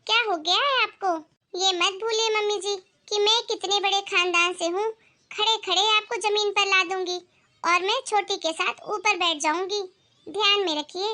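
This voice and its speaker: A woman's voice: very high-pitched, fairly even intonation, normal speed, pushed and bright. A woman voicing a proud young daughter-in-law from a rich family in a cartoon, speaking assertively. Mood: defiant. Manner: assertive, defiant.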